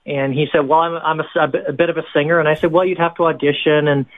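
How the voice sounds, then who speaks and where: A man's voice: a little high, little pitch movement, fast. Chatty man from Canada on a phone line. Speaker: worship pastor, songwriter. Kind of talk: interview guest, casual storytelling.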